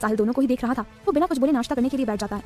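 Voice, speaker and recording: A woman's voice: on the high side, very fast, darkish tone, faint music behind. A woman narrating an audiobook story.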